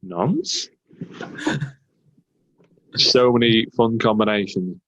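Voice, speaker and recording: A man's voice: lowish voice, lively intonation, a little fast, a little hiss or hum. A man from England co-hosting a football podcast, bantering and mocking in a jokey way. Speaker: podcast co-host. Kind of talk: casual chat. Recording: dry, slightly muffled mic.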